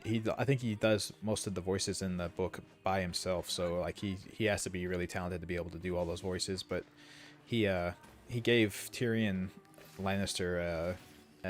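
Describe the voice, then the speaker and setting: Rambling opinionated male gaming streamer. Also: low voice. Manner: rambling, opinionated, wandering asides. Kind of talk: casual gameplay commentary.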